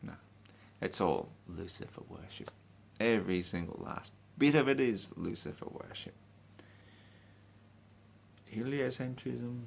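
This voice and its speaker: A man in a drunken, rambling, sweary rant, speaking informally and haltingly, with emphatic bursts and muttered asides. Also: medium pitch, expressive, vocal fry, slight background noise. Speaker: monologue speaker.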